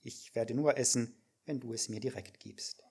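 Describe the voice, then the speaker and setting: A man voicing a demanding young prince in a scripture reading, husky and plain. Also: medium pitch, moderate pace, darkish tone. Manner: plain read-aloud delivery.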